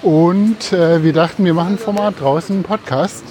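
A man's voice: high-pitched, normal speed, darkish tone. A man co-hosting a casual podcast, chatting while walking outdoors along a city street. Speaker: podcast co-host. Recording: faint street and traffic noise behind.

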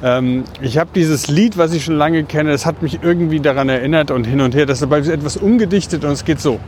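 A man's voice: a little high, brisk, darkish tone. A man co-hosting a casual podcast, talking as he walks outdoors through the city. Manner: talking while walking outdoors. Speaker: podcast co-host. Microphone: wireless transmitter mic. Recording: faint urban street noise.

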